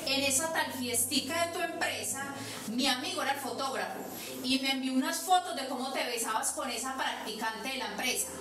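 A woman's voice: sits high, fairly quick, recorded from a distance, crowd noise, lightly acted. A woman with a Colombian accent playing a betrayed, reproachful, heartbroken partner in a drama. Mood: bitter. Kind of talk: dramatic voice acting. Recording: very echoey room, off-mic, music behind.

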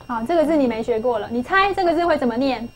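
A woman's voice: sits high, animated, quick pace, rough recording. A middle-aged woman teaching English phonics to a class, coaxing pupils with questions and repeating key phrases.

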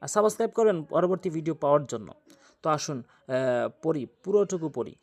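A man teaching Quran reading in a step-by-step tutorial. He patiently spells out letters, repeats each word slowly several times, and gives viewers direct instructions. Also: on the high side, expressive, a little mellow.

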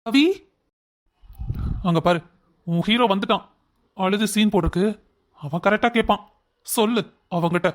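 A man's voice: sits high, normal speed, pauses often, natural voice. A man voicing a taunting young male coworker in a cartoon story, with a mocking, needling way of talking.

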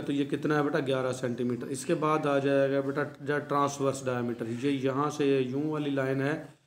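A man giving a recorded lecture. He reads English lines slowly and then explains them patiently to his students, calling them "beta". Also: medium pitch, a little hiss or hum. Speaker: teacher.

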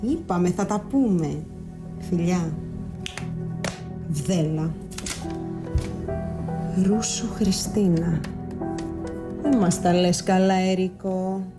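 An actress playing a brisk woman taking calls. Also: lowish voice, over music, natural voice. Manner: brisk, businesslike. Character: brisk woman on the office phone.

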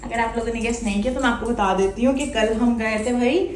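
A woman's voice: a little fast, a little hiss or hum. Chatty woman in an echoey room. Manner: chatty, scolds the pets loudly in a high voice. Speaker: vlogger. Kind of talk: casual home vlog chat. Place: at home.

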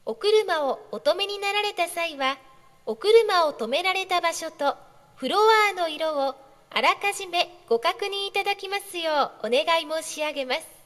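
A woman's very high, bright voice makes polite, carefully measured announcements to shoppers. Her formal, honorific delivery carries over a public address system, trailing a long reverb through a large hall. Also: expressive.

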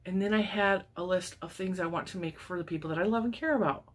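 In a home craft room lined with yarn shelves, a forties-aged crochet channel host talks fast in a fairly low, wheezy, congested voice. The chat is casual and chatty, broken up by frequent laughter and lively hand movements.

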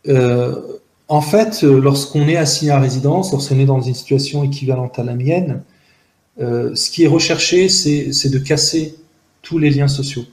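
An Algerian man in his forties whose first language is Arabic gives reflective testimony as an interview guest, earnest and analytical, often pausing with fillers and restarts. He speaks into a close camera outdoors in a park-like garden by buildings. His voice is mid-range and a little mellow, with an echoey sound.

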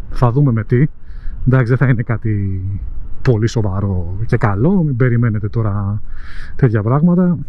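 A man's voice: medium pitch, muffled recording, slight background noise. A man with a Greek accent vlogging from his motorcycle on city streets, chatting casually and teasing his viewers. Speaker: motovlogger. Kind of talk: casual chat while riding.

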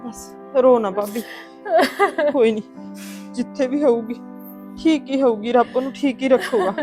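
A high-pitched, gently reassuring woman, played by an actress who comforts a grieving relative in a family drama. She talks things through patiently, with soft music faint in the background. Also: moderate pace, lightly acted. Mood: soothing. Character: steady woman comforting her grieving sister-in-law. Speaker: consoling sister-in-law. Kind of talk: Punjabi family drama acting.

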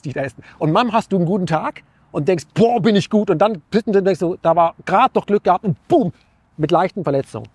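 A man speaks in a high, light voice, recorded dry and close to the mic. He muses earnestly, asking rhetorical questions and restarting his sentences as he searches for words. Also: darkish tone, no room sound. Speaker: interview guest. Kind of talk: reflective philosophical talk.

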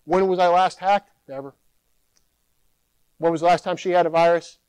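A middle-aged man, a keynote speaker, answering audience questions at a conference podium in an animated way, sometimes mimicking complaining users. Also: high-pitched, normal speed, clean tone, dry recording, rough recording. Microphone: podium microphone.

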